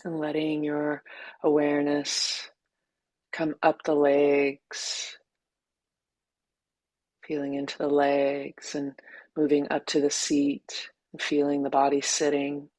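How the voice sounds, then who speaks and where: A woman teacher's low, monotone voice guides a meditation at a gentle, unhurried pace, pausing long between short phrases. There's no room sound and the audio quality is poor.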